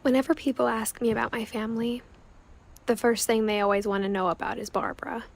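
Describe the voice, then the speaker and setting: A young woman with a fairly high, gravelly voice speaks quickly and steadily, with slight background noise. She voices a reflective teenage girl recalling her family in scripted first-person game narration that is wistful and understated.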